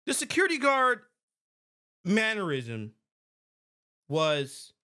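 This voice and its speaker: Animated bright-voiced woman podcast host. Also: medium pitch, slow, smooth. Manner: animated and emphatic, with frequent restarts and laughs. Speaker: podcast host and private security expert. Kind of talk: casual commentary on a video clip.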